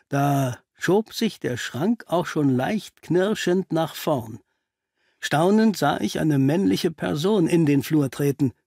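A man reading an audiobook aloud as a first-person narrator, telling the story in a measured way. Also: fairly high pitch, vocal fry, darkish tone, no room sound, studio quality.

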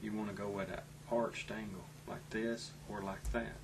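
A middle-aged man giving a step-by-step painting demonstration as a gentle, unhurried instructor, talking in short soft phrases while he works. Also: lowish voice, little pitch movement, vocal fry. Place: indoor dark studio, standing at easel. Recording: loud noise behind the voice.

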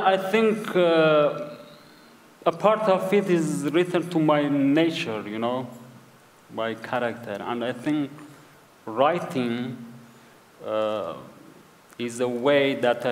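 Being interviewed on stage at a live event, an author from Iranian Kurdistan speaks English, his second language, with a Kurdish accent. His mid-range voice comes out hesitant as he searches for words and repeats himself, all captured with hall reverb.

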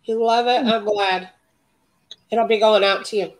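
A woman hosting a live craft sale stream, talking in an unhurried, matter-of-fact way. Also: medium pitch, fairly even intonation, rough recording. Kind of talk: casual live-stream chat.

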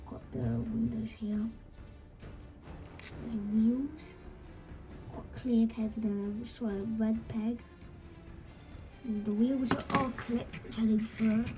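A high, voice in a casual, unscripted toy review, rambling and halting with self-corrections. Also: poor audio. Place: indoors, small tabletop green-screen setup. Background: music, occasional scratching from headphones.

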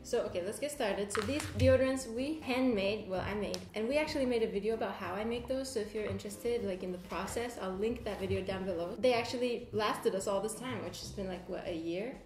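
A woman's voice: medium pitch, fast, hardly any pauses. A young woman hosting a casual vlog, chatting and laughing while making deodorant at a kitchen table, swearing now and then. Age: young adult. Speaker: vlog host. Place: home kitchen table, indoors. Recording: roomy home room with music.

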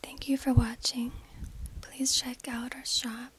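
Slow whispering woman, ASMR narration. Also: sits high, flat delivery. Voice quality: breathy, unvoiced whisper. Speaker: narrator of an ASMR history video. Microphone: close binaural microphone.

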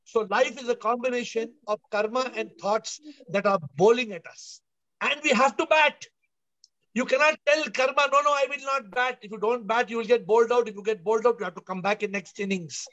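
A man's voice: extremely high pitch, a little fast, a bit bright, no echo. A man, giving a spiritual discourse on a video call, emphatic and repeating phrases. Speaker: spiritual teacher leading an online discussion. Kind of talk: spiritual discourse with questions to listeners. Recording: slightly dull video-call audio.

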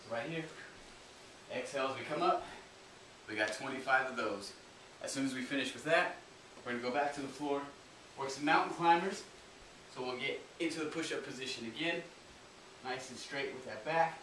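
Bright-voiced man coaching a workout, echoey. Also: medium pitch, distant mic. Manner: coaching, encouraging cues. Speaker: fitness trainer. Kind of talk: workout instruction. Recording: roomy echo, off-mic, faint hiss.

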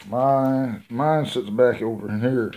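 A folksy middle-aged man with a drawl talks through his work in a home garage. He rambles, pauses on lots of uhs and thinks out loud. His voice sits at an ordinary pitch, picked up by a handheld phone. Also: steady tone. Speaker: home mechanic vlogger. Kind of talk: casual workshop vlog. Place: home garage with engine on a stand. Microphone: handheld phone camera.

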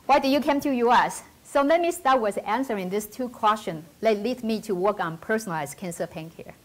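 A woman's voice: a little high, lively intonation, brisk. Taiwanese-accented woman giving a stage talk. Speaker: nursing professor giving a talk. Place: auditorium stage.

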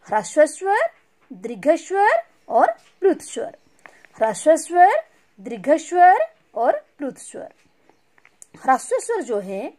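A woman's voice: high-pitched, a little mellow. A woman teaching a recorded lesson, asking questions and answering them herself, mixing in English words. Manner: mixes English words into Hindi.

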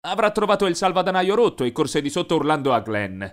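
A man narrating an animated teen story in a lively, mischievous storytelling voice. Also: fairly high pitch, quick pace.

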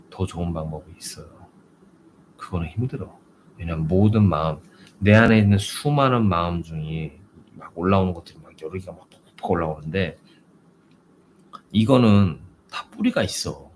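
Man, very low voice, Zen teacher, conversational sermon, rhetorical questions, faint background hiss. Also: normal speed, pauses often.

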